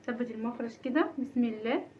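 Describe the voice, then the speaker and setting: An Egyptian woman in her thirties talks fast and high in a casual home vlog, teasing herself and laughing nervously. The sound is dull and lo-fi, like a simple home recording. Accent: Egyptian Arabic. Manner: chatty, self-mocking, nervous laughter. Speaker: vlogger, mother.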